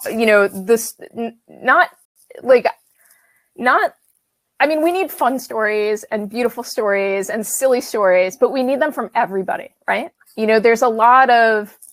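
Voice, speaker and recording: At a moderate pace and a little high in pitch, an author-illustrator from the American Midwest, in her thirties, rambles casually on a video call, restarting often and filling gaps. Her tone is a bit bright, and the webcam recording is dry, made in a brick-walled home studio.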